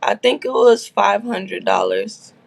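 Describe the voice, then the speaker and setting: A woman with a mid-range voice and vocal fry speaks slowly in a casual interview, candidly recounting her past and bluntly acting out quotes.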